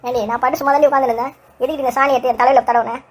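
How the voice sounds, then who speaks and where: A woman voicing an elderly village man in a cartoon, chatty and quick to scold. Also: high-pitched, fairly even intonation. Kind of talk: cartoon voice acting.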